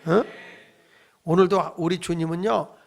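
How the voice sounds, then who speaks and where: A middle-aged male pastor preaching a sermon. He tells stories dramatically, acts out the dialogue in them with shouts and whispers, and urges the congregation to respond. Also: high voice, steady tone, measured pace, vocal fry.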